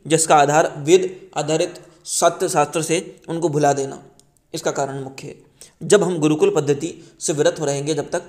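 A man's voice: on the high side, darkish tone. A man hosting a channel, reading a book preface aloud in earnest with small slips and restarts.

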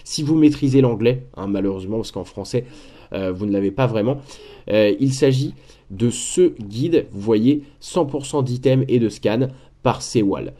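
A man's voice: medium pitch, normal speed, dark tone. A man giving casual, chatty commentary while showing gaming guide websites, with frequent repeats and fillers. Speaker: gaming walkthrough creator. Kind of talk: casual screen-share commentary.

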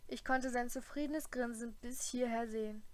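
A woman reading a first-person audiobook, with an expressive, dryly humorous storytelling manner. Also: a little high, normal speed. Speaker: audiobook reader.

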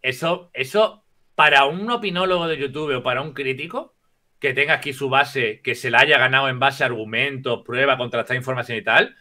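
A man's voice: mid-range voice, fairly quick, bright, forceful tone. A man in his forties in a live online debate, insistent and demanding not to be interrupted. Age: 40s.

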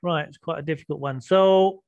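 A man's voice: on the high side, moderate pace, a little mellow, no room sound, lo-fi sound. A man teaching an online English class, patiently prompting students with questions over a video call.

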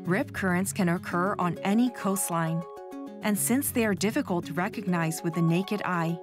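A woman giving calm, measured scripted narration for a documentary, with music underneath. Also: on the low side. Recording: voice-over with music bed.

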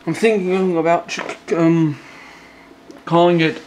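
A hobbyist phone modder from Georgia speaks with a gentle Southern drawl, a little high for a man, in a steady tone and at a slow pace. He sounds tired as he rambles through a casual late-night update, restarting sentences and leaning on fillers, with faint noise behind his voice.

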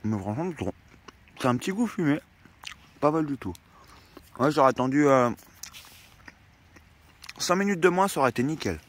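A man's voice: fairly high pitch, lively intonation, normal speed, long pauses. A man vlogging casually outdoors by a campfire, talking in slang and swearing freely as he rambles. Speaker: van-life vlogger. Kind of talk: casual vlog chat.

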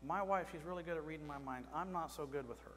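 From a small church's pulpit, a middle-aged man preaches quickly in a slightly high, fairly bright voice, speaking plainly and conversationally while asking the congregation questions. The pulpit microphone captures long reverb trailing his words over a faint electrical hum.

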